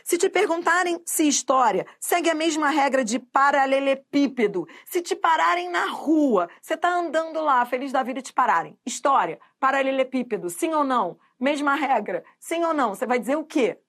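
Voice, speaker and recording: A middle-aged Brazilian woman teaching grammar for exams, quizzing listeners with repeated questions and drawing out key terms slowly. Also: sits high, lively intonation, a bit bright. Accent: Brazilian Portuguese. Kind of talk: exam-prep grammar lesson.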